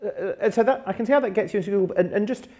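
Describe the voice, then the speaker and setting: A man's voice: sits high, rapid-fire, warm tone. A man hosting an on-stage interview at a college forum, enthusiastic and friendly, with small stumbles and repeats. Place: college lecture forum before an audience.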